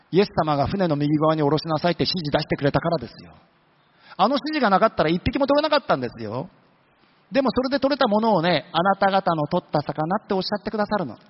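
A man preaching a sermon, telling the story with humorous asides. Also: high voice. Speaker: pastor. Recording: dull lo-fi sound with long hall reverb.

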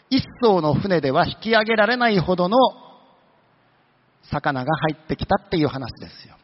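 Lively preaching man in a reverberant hall. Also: high voice. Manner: lively storytelling with asides and humor. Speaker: pastor. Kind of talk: sermon. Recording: dull lo-fi sound with long hall reverb.

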